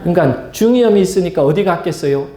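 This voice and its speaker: A man's voice: high-pitched, animated, fast, dark tone, reverberant. A male pastor preaching a sermon, asking the congregation questions and acting out small scenes to make his point. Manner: asks the congregation questions and acts out little scenes.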